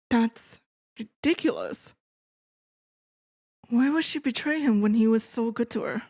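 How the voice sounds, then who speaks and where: A woman playing a possessive, controlling wife in an ASMR role-play, speaking with sweet, eerily obsessive calm and deliberate pauses. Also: fairly high pitch, no room sound, clean studio sound, natural voice. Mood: feigned concern.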